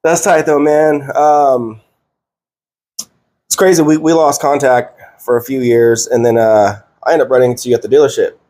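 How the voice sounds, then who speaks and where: A man in his thirties hosts a relaxed podcast chat. He talks loosely, full of slang, fillers and restarts. His voice sits at an everyday middle pitch for a man. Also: moderate pace. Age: 30s. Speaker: podcast host. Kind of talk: casual chat.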